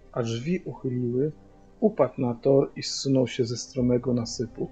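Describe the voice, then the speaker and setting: A man's voice: mid-range voice, warm tone. Father reading a storybook aloud, muffled. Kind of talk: reading a children's book aloud. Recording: dull lo-fi audio via hearing aid, faint music.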